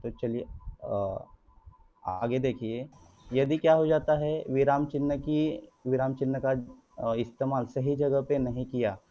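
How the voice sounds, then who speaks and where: A man's voice: medium pitch, measured pace, warm tone. Male teacher explaining patiently. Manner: keeps asking rhetorical questions and answering them himself; addresses pupils as children, patient and explanatory. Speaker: school teacher. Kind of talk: online grammar lesson over slides. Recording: dull lo-fi recording.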